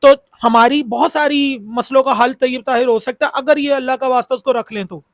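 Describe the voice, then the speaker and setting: With a sore throat, this Pakistani man speaks in a very high, steady voice at a brisk pace, running a casual, repetitive cricket analysis full of fillers for his YouTube audience. The sound is dry and studio quality.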